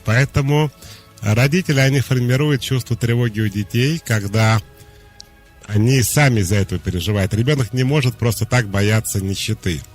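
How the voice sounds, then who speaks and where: Low-pitched guy on a call-in radio show, calm explainer, faint music underneath. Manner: calm, explanatory, direct advice. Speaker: radio psychologist host.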